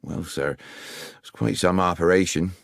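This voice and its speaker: For an audiobook, a man with a deep, steady, creaky voice plays an amiable, deferential railway foreman in his fifties, speaking unhurriedly. The character is helpful and respectful, plain-spoken, with working-class turns of phrase. The recording is studio quality with no echo.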